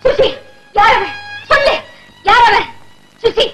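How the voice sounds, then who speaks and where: A woman's voice: very high-pitched, animated, moderate pace, fairly bright tone, faint music behind. An actress playing a distressed young sister-in-law who scolds and then shields a girl, in a 1970s Tamil film. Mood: distraught. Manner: exclaiming, pleading, rising in distress.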